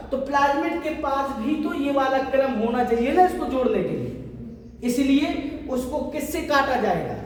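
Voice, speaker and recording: A man's voice: very high voice, darkish tone. A man teaching a biology revision class, asking his students questions and checking they follow, with homely everyday comparisons. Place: large echoing classroom. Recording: echoey hall recorded from far off.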